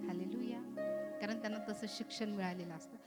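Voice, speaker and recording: A middle-aged woman preacher with a Marathi accent, giving a sermon full of "hallelujah" and "beloved" refrains and swelling into loud, emphatic exhortation. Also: mid-range voice, a little fast. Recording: music playing behind the voice.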